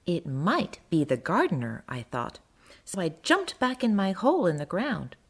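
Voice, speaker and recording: A woman voicing a friendly, curious little garden mole who tells a children's storybook tale in first person, with expressive, sing-song storytelling. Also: fairly low pitch, moderate pace, slight background noise. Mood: earnest wonder.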